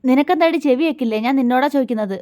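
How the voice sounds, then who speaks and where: A quick-tempered, loving young husband who scolds and teases gruffly, read by a woman narrator. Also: mid-range voice, warm tone, close to an everyday voice.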